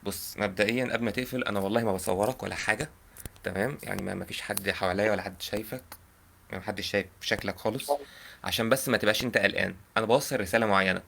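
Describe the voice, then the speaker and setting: Fast-talking young Egyptian man, low voice. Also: fairly even intonation, creaky, bright, forceful tone, a little hiss or hum. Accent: Egyptian Arabic. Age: young adult. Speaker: prank caller giving advice. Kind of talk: earnest informal advice on a live call.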